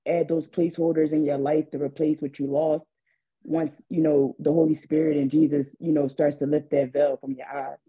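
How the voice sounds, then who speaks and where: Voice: medium pitch, little pitch movement, moderate pace, husky, dull audio. A participant in a church Bible study, speaking steadily and earnestly while sharing personal experience with the group.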